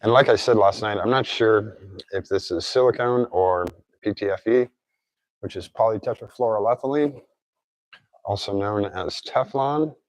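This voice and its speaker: A DIY car repair presenter with a low voice narrates a casual hands-on tutorial, thinking aloud informally while he works. His articulation is slightly off after recent oral surgery, and he keeps a moderate pace. The recording has no room sound and poor audio quality.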